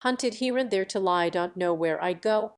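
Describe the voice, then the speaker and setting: A woman's voice: medium pitch, normal speed, smooth, natural voice. A woman voicing a vain, scheming young country woman who brags about her beauty, in a storybook reading. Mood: mock lament. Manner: boastful, self-satisfied.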